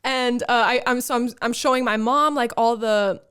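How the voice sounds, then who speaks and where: A young woman co-hosting a casual podcast, her voice smooth and clear and a bit high. She tells stories with animated, emotional energy and plenty of fillers. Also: normal speed. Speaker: podcast co-host. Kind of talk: casual chat.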